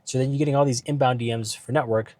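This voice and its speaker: A fast-talking man with a mid-range, slightly mellow voice and fairly even intonation vlogs about business while driving, recorded dry. His voice is fading from illness, and his casual rambling is heavy on fillers and asides, with a habitual "right?"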